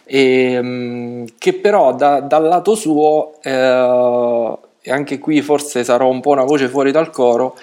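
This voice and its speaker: A man speaking on a relaxed tech podcast in a mid-range voice. He pauses often, restarts his sentences and leans on fillers as he works out his thoughts. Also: mid-range voice. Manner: hesitant, many restarts and fillers. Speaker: podcast guest. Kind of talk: casual tech podcast chat.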